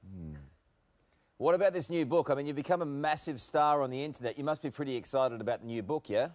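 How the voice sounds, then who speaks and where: A man's voice: medium pitch, lively intonation, fast. A man presenting on television, doing a light-hearted interview.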